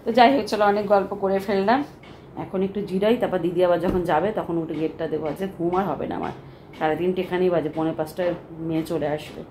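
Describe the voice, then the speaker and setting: A soft-spoken woman in her thirties, chatting casually to her phone camera at home in a vlog and grumbling good-naturedly about chores. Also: fairly low pitch, steady tone, fast. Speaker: vlogger. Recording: echoey room with faint ambient noise.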